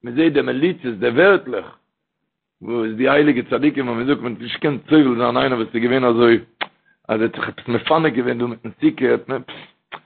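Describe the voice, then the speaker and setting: Gravelly man preaching over a tinny line. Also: mid-range voice, fairly quick. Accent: Yiddish. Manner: rambling, repetitive, addresses the listener with "verstehst du". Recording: tinny phone-like recording.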